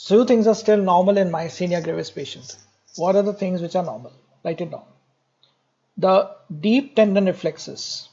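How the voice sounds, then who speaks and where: In a high, mellow voice that is brisk and slightly rough, a man gives a classroom lecture on medicine. He weaves jokes into his explanations and keeps repeating key points for his students, and the recording sounds dull and lo-fi.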